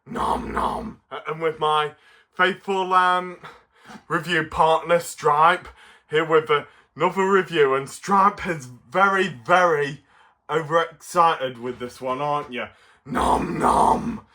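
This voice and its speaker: Addressing the camera, a man reviews a toy casually in an excitable, playful style reminiscent of a kids' show. His voice is a little high, and he often halts and hesitates.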